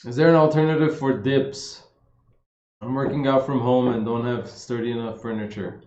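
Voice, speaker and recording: A man casually answering viewers' fitness questions on a livestream, relaxed and chatty, often saying "man" and "like". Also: medium pitch, moderate pace. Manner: laid-back, says "man" and "like" a lot, reads questions aloud. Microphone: streaming setup. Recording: roomy, slightly dull livestream audio.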